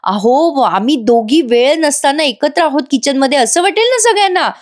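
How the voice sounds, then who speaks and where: A nervous young wife, anxious and hushed, voiced by a woman narrating. The voice sits fairly high, told like a storybook retelling. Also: animated, normal speed.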